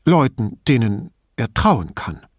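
A man voicing a frail, chatty old widow who rambles and confides in a hushed tone. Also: big pitch swings, slow pace, no echo, studio quality. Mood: confiding. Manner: rambling, confidential, lowers voice to a whisper.

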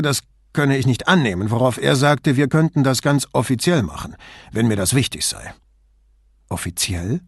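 Male audiobook reader, measured and even; husky tone, dry close sound. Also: medium pitch, no room sound. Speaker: audiobook narrator. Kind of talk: scripted narration.

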